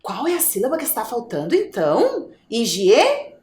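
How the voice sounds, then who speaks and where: A woman's voice: high voice, wildly swooping pitch, a little fast, a little mellow, echoey room. A woman with a Brazilian Portuguese accent, teaching a video lesson to young children and coaxing them with questions. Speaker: primary school teacher.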